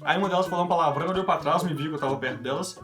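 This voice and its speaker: A young Brazilian vlogger tells his audience a string of everyday anecdotes, chatty and casual, quoting other people in his own voice. His voice is a little high and very fast, with guitar music in the background.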